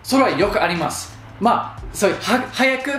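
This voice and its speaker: A man's voice: high-pitched, animated, moderate pace. A man giving casual pronunciation tips to camera in a chatty, joking, mildly exasperated way. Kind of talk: casual vlog talk to camera. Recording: roomy echo with faint music.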